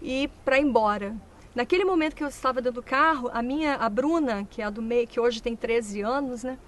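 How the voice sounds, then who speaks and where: A mother gives a church testimony in a sit-down interview, telling her story vividly and slipping into the voices of the people she quotes. Her voice is high and bright, and she speaks briskly.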